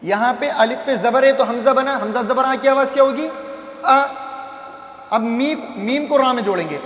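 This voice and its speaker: A man teaching how to read Arabic letters, patiently repeating syllables and asking and answering his own questions. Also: very high voice. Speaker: Quran reading teacher. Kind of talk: slow phonics lesson on Arabic letters. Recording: echoey hall with faint ambience.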